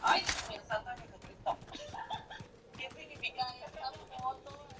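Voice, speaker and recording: A woman's voice: high voice, wildly swooping pitch, unhurried, loud music behind the voice. A woman chatting casually, hesitant and full of fillers. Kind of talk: casual chat. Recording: distant mic, loud street noise.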